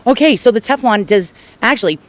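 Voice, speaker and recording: A woman's voice: a little high, lively intonation, a little fast. Chatty woman, sped-up chipmunk-like playback. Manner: chatty, wry, thinks out loud, addresses viewers as boys and girls. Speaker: antique collector and hobby restorer. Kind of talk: casual hands-on repair narration.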